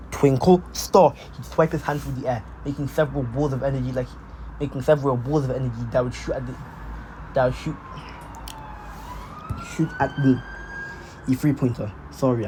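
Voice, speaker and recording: A man with a mid-range voice telling an improvised fan story in a casual, halting way, doubling back and repeating phrases as he goes. A faint noise sits behind him. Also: medium pitch, mellow. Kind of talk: casual fan-fiction narration.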